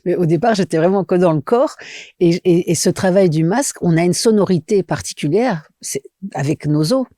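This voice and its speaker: A woman's voice: lowish voice, moderate pace, no echo, clean studio sound. A woman from Belgium, an actress and director, chatting animatedly and informally in an interview. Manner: animated, expressive, informal with slang. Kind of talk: casual interview chat.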